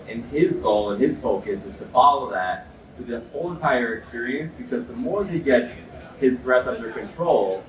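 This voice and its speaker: A man giving an explanatory product demo as an expert, speaking in an earnest, emphatic way. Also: medium pitch. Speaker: ice bath expert and product demonstrator with sports medicine background. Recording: echoey, distant mic, noisy background.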